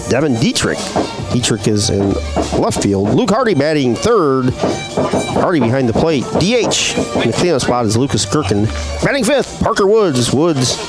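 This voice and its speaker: Man, baseball play-by-play, animated pitch, music underneath. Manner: lively, chatty play-by-play. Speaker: play-by-play announcer. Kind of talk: live baseball commentary.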